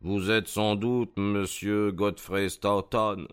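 A man doing a sharp, commanding detective. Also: lowish voice, little pitch movement, slow, clean tone, soft background music. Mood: dignified. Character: sharp, decisive male detective.

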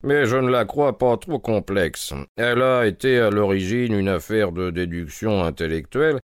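A man voicing a brisk, self-assured detective in an audiobook, speaking in a measured way. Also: on the low side, clean tone, no room sound, studio quality, voice pushed up, lightly acted. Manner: measured, confident explaining. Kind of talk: audiobook character reading.

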